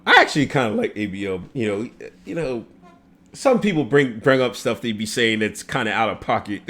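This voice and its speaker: Lively, animated man hosting a livestream. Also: lowish voice. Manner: animated, laughing often, many fillers. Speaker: show host. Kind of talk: casual livestream commentary.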